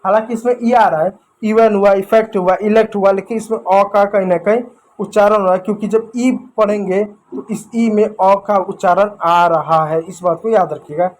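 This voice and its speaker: A man's voice: high voice, steady tone, moderate pace, rough recording. A man explaining English pronunciation in a lesson, repeating each rule and listing example words one at a time. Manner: repetitive, drills examples one by one.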